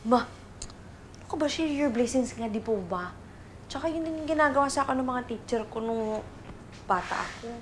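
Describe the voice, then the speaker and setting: An actress playing an earnest, devoted young daughter in a TV drama, speaking in a respectful, pleading way. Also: female voice, sits high, lively intonation, moderate pace, pauses often, slight background noise. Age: young adult. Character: earnest, devoted daughter who dreams of schooling. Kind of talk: naturalistic TV drama acting.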